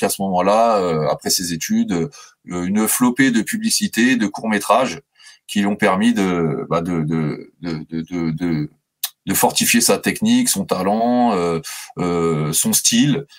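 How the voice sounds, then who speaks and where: Hesitant low-voiced man in a film podcast. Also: measured pace. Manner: hesitant, many fillers and restarts. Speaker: podcast co-host.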